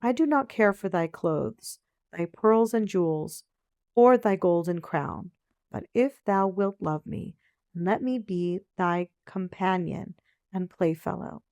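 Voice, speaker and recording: A woman plays a male frog from a storybook, pleading and bargaining in old-fashioned speech. The delivery is slow and deliberate, with a dry, close sound. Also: lowish voice, darkish tone, dry recording. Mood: earnest bargaining. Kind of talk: storybook read-aloud.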